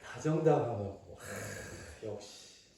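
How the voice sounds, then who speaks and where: A male pastor giving a family sermon, coaxing children with questions and sometimes acting out a shouting father. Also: mid-range voice, lively intonation, takes it slowly. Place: church hall. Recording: very echoey hall from far off.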